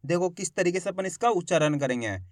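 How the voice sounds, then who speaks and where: A man teaching Hindi reading, sounding out syllables slowly and addressing viewers as friends. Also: high-pitched, lively intonation, darkish tone, no room sound, studio quality. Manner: slow drawn-out syllables when sounding out words. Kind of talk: spoken lesson to camera.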